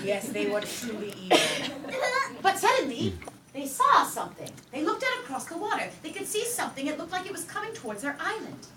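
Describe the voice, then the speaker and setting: A woman's high, sing-song voice, a little fast, carries a kindergarten puppet show as she theatrically narrates and invites the kids to join in. The recording, made in an echoey classroom far from the microphone, is very noisy, with music behind her.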